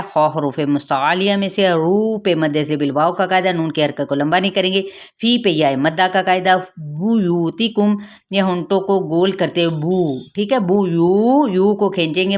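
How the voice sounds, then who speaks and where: A woman with a Pakistani Urdu accent teaching Quran recitation, patiently explaining rules and stretching out sounds slowly to demonstrate them. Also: fairly low pitch. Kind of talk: tajweed lesson with slow demonstrations.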